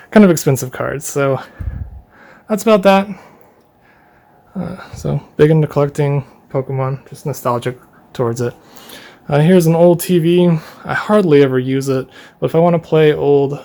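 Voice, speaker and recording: A young man giving a casual tour of his bedroom, chatting in a relaxed, rambling way with fillers and small laughs. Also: on the high side. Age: young adult. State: running out of breath. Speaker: YouTuber giving a room tour. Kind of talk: casual room tour vlog.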